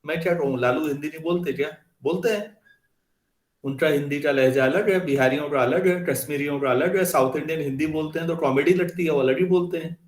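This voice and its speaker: Man lecturing a class, slightly high voice, chatty, checks students understand, echoey classroom. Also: a little fast. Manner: conversational, asks students questions. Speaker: math teacher.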